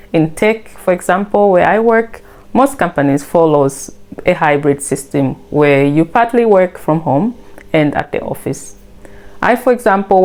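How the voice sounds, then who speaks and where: A woman with a low-pitched, slightly dark voice narrates her own vlog from a script. She is from Tanzania and explains things in a friendly, talkative way.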